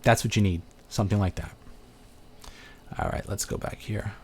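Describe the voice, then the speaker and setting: This host of a live webcam chat is a middle-aged man from Brooklyn who talks with a New York accent while fielding viewer questions. His voice sits on the low side, husky with vocal fry, and moves at a moderate pace. He rambles casually, musing out loud and leaning on fillers.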